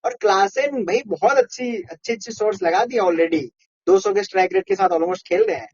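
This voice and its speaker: An Indian man giving casual, excited live cricket commentary, exclaiming and arguing as he reacts to the play. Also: high-pitched, moderate pace, breathy edge, no echo. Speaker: cricket watch-along commentator. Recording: dull, lo-fi dry voice.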